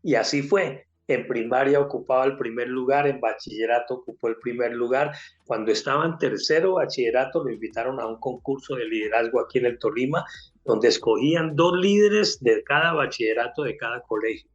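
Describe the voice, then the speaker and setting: A man's voice: mid-range voice, brisk, muffled recording. Older Colombian man telling a vivid testimony. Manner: emotional storyteller who acts out the voices in his story. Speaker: guest giving a testimony. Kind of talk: personal faith testimony.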